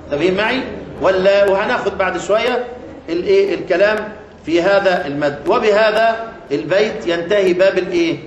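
Egyptian guy teaching a class, high voice, keeps quizzing everyone, roomy echo. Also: fairly quick, muffled recording. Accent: Egyptian Arabic. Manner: keeps asking the class rhetorical questions and repeating key words. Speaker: Quran recitation teacher. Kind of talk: classroom lesson explaining a poem on tajweed rules. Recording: echoey room with faint noise.

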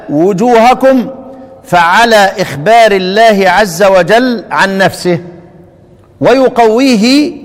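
A man with an Egyptian accent teaching Quranic readings, chanting the verses slowly and explaining quickly in colloquial speech, asking questions and answering them himself. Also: high voice. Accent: Egyptian Arabic. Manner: calls students "ya ahibba", asks questions and answers them himself. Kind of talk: lecture on variant Quranic readings. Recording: long reverb.

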